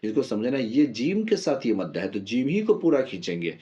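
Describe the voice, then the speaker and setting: Patient man spelling out syllables slowly. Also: medium pitch, sing-song, warm tone, breathy edge, lo-fi sound. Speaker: Quran recitation teacher. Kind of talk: step-by-step spelling lesson.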